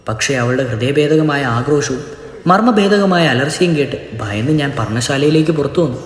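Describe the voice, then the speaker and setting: A man giving a solemn, measured scripted narration of a legend as storyteller. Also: on the high side. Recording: echoey narration with long reverb.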